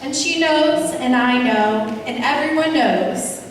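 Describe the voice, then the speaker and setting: A woman's voice: sits high, takes it slowly, far from the mic, a little hiss or hum. A woman giving a humorous, informal wedding toast speech, joking and tossing asides to the guests. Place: large indoor wedding reception room. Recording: echoey hall over microphone, crowd behind.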